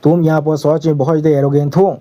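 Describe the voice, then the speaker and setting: A man voicing a cold, mocking old demonic cultivator in a manga recap, speaking calmly and tauntingly. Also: a little high, quick pace, natural voice. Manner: calm and taunting.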